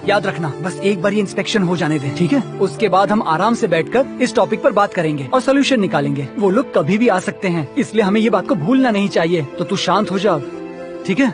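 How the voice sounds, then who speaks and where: A man dubbing a bossy, persuasive young man who keeps calming his friend in a TV drama. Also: sits high. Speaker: father's friend. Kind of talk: Hindi TV drama dub. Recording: dubbed dialogue over music.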